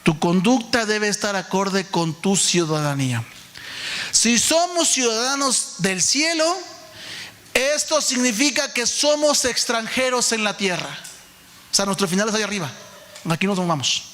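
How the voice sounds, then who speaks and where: A man in his forties preaching with a notably high voice. His tone is bright and forceful, and he keeps firing rhetorical questions at his listeners and addressing them as brothers. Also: unhurried. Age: 40s. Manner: animated preaching, many rhetorical questions, calls the audience "hermano". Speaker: pastor. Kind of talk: sermon.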